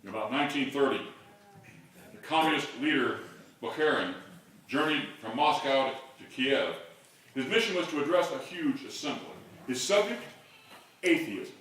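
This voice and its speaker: A man's voice: medium pitch, expressive, normal speed, pauses often, a little hiss or hum. Older male pastor in a big echoing church. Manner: builds to loud call-and-response shouts. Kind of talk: sermon. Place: large church sanctuary. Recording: echoey hall from far off.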